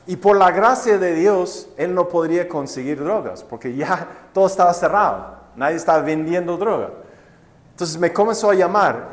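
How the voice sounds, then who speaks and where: A pastor delivers his sermon in a voice pitched a little above most men's. He tells stories, asks his listeners rhetorical questions, and calls out to them as brothers and sisters. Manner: storytelling with rhetorical questions to the congregation.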